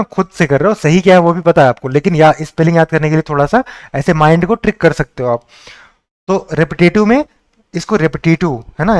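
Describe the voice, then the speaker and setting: A man's voice: a little high, clean tone. A male English teacher from India giving an exam-prep lesson and patiently spelling words letter by letter.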